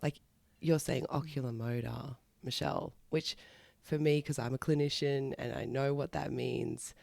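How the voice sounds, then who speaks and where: Sick-voiced podcast co-host, gravelly and hoarse, animated delivery, dry close sound. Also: mid-range voice, normal speed, dry recording. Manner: animated, laughs between thoughts. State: hoarse from a cold. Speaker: occupational therapist, co-host. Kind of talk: casual podcast discussion.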